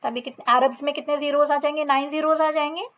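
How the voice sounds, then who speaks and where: Teaching maths in a mix of Hindi and English, an Indian-accented woman slowly reads from the textbook and explains it one step at a time. She speaks in a high-sitting, steady voice with a fairly bright tone.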